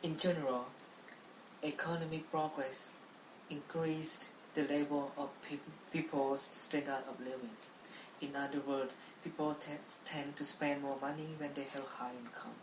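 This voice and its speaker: A woman's voice: low voice, little pitch movement, a little slow, echoey room, distant mic, background noise. A young woman from Cambodia giving a prepared class speech, speaking carefully with frequent restarts and repeated words.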